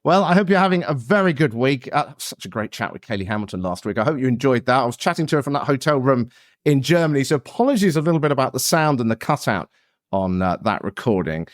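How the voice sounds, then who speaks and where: A man's voice: medium pitch, sing-song, quick pace, no room sound, clean studio sound. A man hosting a public relations podcast, moving from a scripted intro into chatty talk with fillers. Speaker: podcast host. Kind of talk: scripted podcast intro then casual chat.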